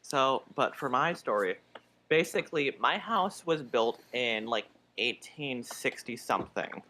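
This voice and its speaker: Young man, mid pitch, bright tone, rambling casual chat. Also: animated, a little slow, slight background noise. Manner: rambling, hedging with many "like"s. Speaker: friend on a livestream call.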